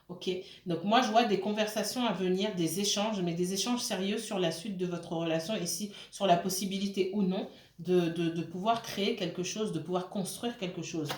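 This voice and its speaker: A woman gives a casual tarot reading in a talky, halting way, stopping and restarting and checking in with her listeners again and again. Her voice sits in an ordinary middle range, and the room around her has a noticeable echo. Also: medium pitch. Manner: hesitant, with many fillers and restarts. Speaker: tarot card reader. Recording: roomy echo.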